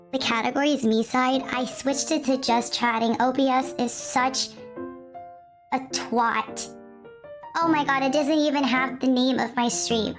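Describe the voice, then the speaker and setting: Woman streamer through a gravelly voice changer. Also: a little high. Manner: chatty and scattered, with frequent restarts and self-deprecating asides. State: lost voice from illness, speaking through voice mod. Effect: voice changer filter altering her voice. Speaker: livestreamer. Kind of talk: casual chat with stream viewers.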